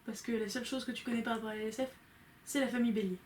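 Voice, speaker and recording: Young woman, casual co-host, chatty and teasing, a touch high-pitched, faint noise behind. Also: fairly even intonation, racing, a little mellow. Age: young adult. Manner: chatty, teasing, often drops to a low murmur. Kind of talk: casual chat.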